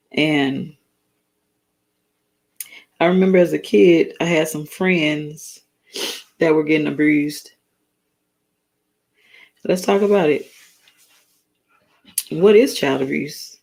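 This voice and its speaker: This talk stream host is a tired woman with a lowish, gravelly, slightly mellow voice that sounds a little worn. Speaking earnestly on her casual solo show, she stops and starts again and reads out definitions.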